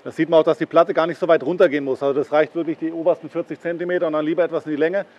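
A man talks quickly about his pond setup, peppering his speech with fillers. His voice is a bit high, and the recording sounds dull and lo-fi. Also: little pitch movement. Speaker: pond owner. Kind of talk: casual chat. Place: outdoors at a koi pond.

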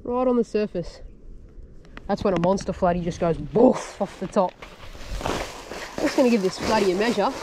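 A man's voice: sits high, background noise. An Australian man recording a fishing vlog outdoors on a grassy shoreline, chatting upbeat and explaining his tackle and tips as he goes. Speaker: fishing vlogger. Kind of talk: casual to-camera fishing commentary.

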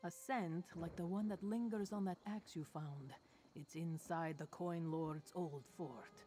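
A woman playing a calm, sly cat-creature scout in a fantasy game, speaking in measured, formal phrases. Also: fairly low pitch, a little hiss or hum, close to an everyday voice. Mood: calm, scheming. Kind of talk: scripted fantasy game dialogue.

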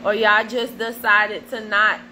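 A woman giving a slow, repetitive devotional message as an online minister, pleading with rhetorical questions. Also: medium pitch, level tone, over music.

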